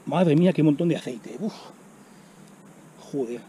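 A man's voice: on the high side, a little slow, warm tone, slight background noise. A middle-aged man from chatting casually to the camera while snacking outdoors in the woods, often exclaiming as he eats. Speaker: vlogger. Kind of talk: casual outdoor vlog narration. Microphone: camera on the ground in front.

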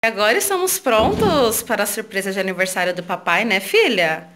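A woman's voice: mid-range voice, animated, fairly quick, fairly bright tone, a little hiss or hum. A young Brazilian mother with a São Paulo interior accent, chatting playfully and coaxing her little daughter in a casual family vlog. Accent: Brazilian Portuguese, São Paulo interior. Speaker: vlogger, mother.

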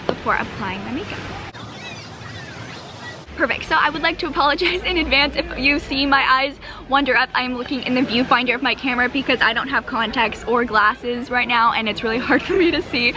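A young woman walks through a makeup tutorial in a bubbly, chatty way. Her voice sits a little high. She is filmed close up on a camera at an outdoor picnic table, with clear outdoor noise and passing vehicles behind her. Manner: bubbly, chatty, lots of "super" and "fantastic". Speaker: beauty vlogger. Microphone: handheld camera close up.

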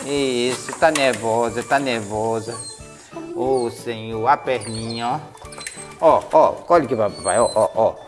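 Woman, Brazilian accent, low voice, slow soothing pet talk, faint music behind. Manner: coaxing, soothing pet talk with sighs and exclamations. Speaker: pet owner vlogger. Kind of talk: casual talk while bathing a dog.

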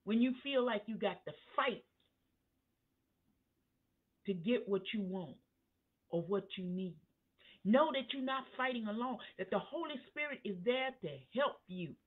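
A woman pastor preaching at a Bible study, in a slow, emphatic cadence that rises to fervent peaks. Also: on the high side. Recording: tinny phone-line sound.

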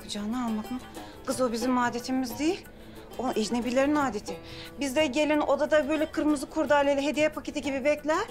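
A rambling, folksy young village woman , played by an actress, speaks. Her voice sits high and her words come quick. Music plays behind her, as in a TV comedy. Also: steady tone, close to an everyday voice. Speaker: village bride Kamuran. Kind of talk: TV comedy acting.

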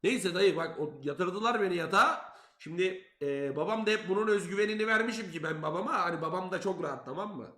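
Young male streamer, high bright voice, roomy echo; animated and foul-mouthed storyteller. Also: quick pace, few pauses. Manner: animated, profane, quoting himself loudly. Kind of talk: casual storytelling to chat.

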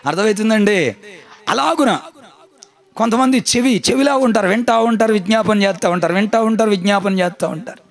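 A man preaching a sermon as pastor, emphatic, repeating his phrases and calling on the congregation to answer. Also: high voice. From India.

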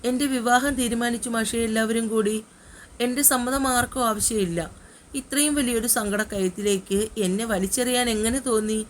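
A woman's voice: a little high, steady tone, moderate pace, slight background noise, close to an everyday voice. A woman voicing a sobbing heartbroken young woman. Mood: bitter reproach. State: crying.

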